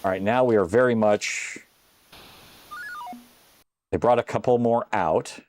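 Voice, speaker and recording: A man's voice: fairly low pitch, a little slow, background noise. An older man casually commenting while playing a retro computer game on a live stream, chatting with viewers and exclaiming at close calls.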